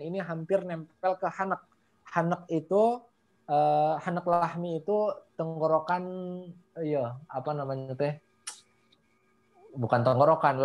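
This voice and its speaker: A man teaching Quran recitation in an online lesson over a video call, explaining casually and stretching out example slowly. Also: fairly high pitch, a little mellow. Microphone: computer or phone mic on a video call.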